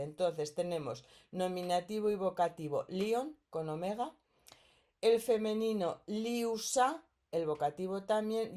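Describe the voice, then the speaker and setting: A woman with a Spanish accent from Spain gives a recorded grammar lesson, moving slowly and deliberately. Her voice is mellow and warm, never sharp. She explains patiently, step by step, often pausing to check that her students are following. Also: medium pitch. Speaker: teacher.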